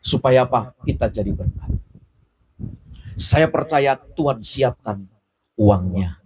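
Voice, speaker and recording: A man preaching a sermon, telling stories with passion as his voice swings low to high. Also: animated, takes it slowly, a little mellow, a little hiss or hum. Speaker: pastor.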